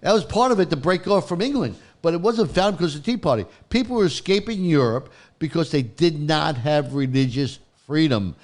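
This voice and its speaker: Male panelist, slightly high voice, emphatic and repetitive, holding forth in an informal argument. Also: animated, fairly quick, hardly any pauses. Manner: insistent, emphatic, repeats himself. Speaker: talk show panelist. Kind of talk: heated informal debate.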